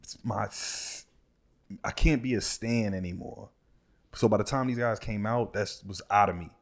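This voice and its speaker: Laid-back rapper guest, slangy and casual. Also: male voice, on the low side, moderate pace. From New York. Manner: loose, slangy, drifting between soft and loud. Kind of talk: casual chat.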